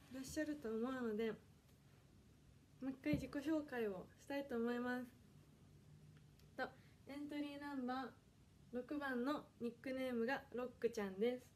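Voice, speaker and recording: A woman in her early twenties from Kanagawa chats on a home livestream in a high, mellow voice. She is polite and reads viewer comments aloud, apologizing often. Faint noise sits under her voice. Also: moderate pace, long pauses. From Kanagawa, Japan. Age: 20s. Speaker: idol audition livestreamer. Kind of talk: casual solo livestream chat.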